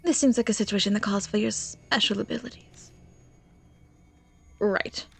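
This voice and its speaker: A woman's voice: medium pitch, moderate pace, gravelly, breathy edge. A young woman streaming a game, chatting playfully and reading the dialogue aloud. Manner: chatty, playful, reads dialogue with small voices. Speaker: VTuber streamer.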